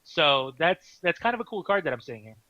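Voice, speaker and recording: A man doing live card game commentary, excitable, laughing often and restarting his sentences. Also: fairly high pitch, a little fast, no room sound, muffled recording.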